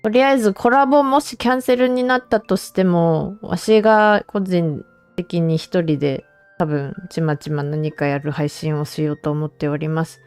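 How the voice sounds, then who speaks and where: A woman's voice: lowish voice, fairly even intonation, moderate pace, a little mellow, smooth, faint music behind. A woman streamer chatting casually and informally to viewers on a livestream.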